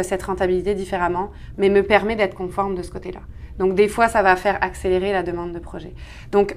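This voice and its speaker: A French urban planner in her thirties, speaking with a French accent, appears as an interview guest and talks at length in a conversational, self-deprecating way, telling personal stories. Her voice is mid-range, with slight background noise.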